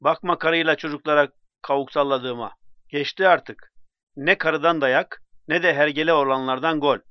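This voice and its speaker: Man doing a rowdy drunk, brash and shouting, higher and swinging voice, dull dry sound in a storybook reading. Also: steady tone, moderate pace, smooth, dry recording, lightly acted. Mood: boastful. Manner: slurring swagger, shouting and taunting. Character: drunk loud middle-aged man, boastful and belligerent.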